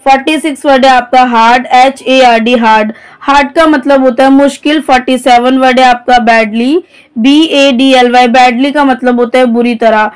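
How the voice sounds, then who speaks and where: High, smooth-voiced woman teaching vocabulary. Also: fairly even intonation, a little slow. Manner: spells each word letter by letter, then gives its meaning. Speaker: English teacher. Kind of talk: vocabulary lesson, spelling out words.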